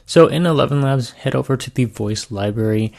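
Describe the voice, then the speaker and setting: Man, tutorial host, gravelly fry, mid pitch, chatty with fillers. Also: a little fast, darkish tone. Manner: loose, chatty, with filler words. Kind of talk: casual software walkthrough.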